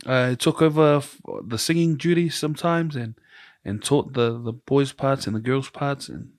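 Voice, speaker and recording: Middle-aged kiwi guy yarning away on a podcast, dry close sound, mid-pitched voice. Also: dry recording. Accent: New Zealand. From New Zealand. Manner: rambling storyteller, acts out quoted voices. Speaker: podcast host. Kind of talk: casual chat.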